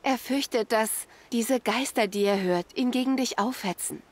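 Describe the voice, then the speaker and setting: A woman voicing a calm, persuasive young female hunter in a video game dub, speaking steadily and reassuringly. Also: on the high side, moderate pace, close to an everyday voice.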